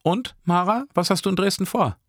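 A sunny young woman with a bright voice, put on by a male reader. She talks with a beaming, friendly lilt, far higher than a deep voice would sit. The sound is dry and close in a storybook reading. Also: fairly quick, dry recording. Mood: cheerful. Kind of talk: audiobook character voice.

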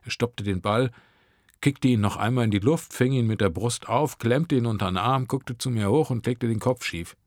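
A man's voice: mid-range voice, moderate pace, dry recording, studio quality. A man reading a short story aloud, narrating in a sardonic, crude first-person voice.

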